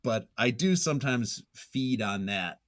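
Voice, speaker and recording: A nonfiction writer on a podcast talks in a mid-range, expressive male voice at a measured pace. As an interview guest he's casual and reflective, musing out loud with a hesitant, self-effacing manner.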